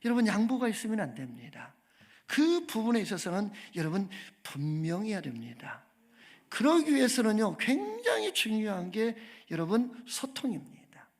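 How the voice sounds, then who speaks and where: Lively high-voiced male preacher. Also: moderate pace, creaky. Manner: emphatic, calls for amens and asks the congregation questions. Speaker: guest pastor. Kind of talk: sermon. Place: church sanctuary.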